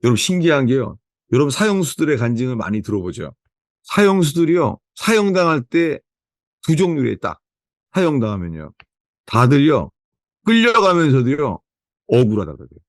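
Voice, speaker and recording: Lively Korean-speaking male preacher. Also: medium pitch, moderate pace, no echo, clean studio sound. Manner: emphatic, asks the listeners rhetorical questions. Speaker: pastor. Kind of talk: sermon. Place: small house-church gathering.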